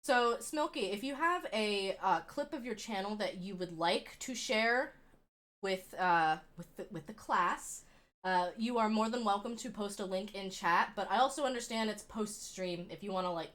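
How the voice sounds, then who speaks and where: A woman's voice: mid-range voice, moderate pace, fairly bright tone. A woman hosting a livestream, chatting casually to viewers in a bubbly, chirpy way. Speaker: livestream host. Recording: music playing behind the voice. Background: background music.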